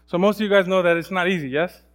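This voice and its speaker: A man's voice: sits high, fast talker. A young man preaching a sermon in a casual, storytelling way, often restarting his sentences and acting out other people's voices. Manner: many restarts and fillers.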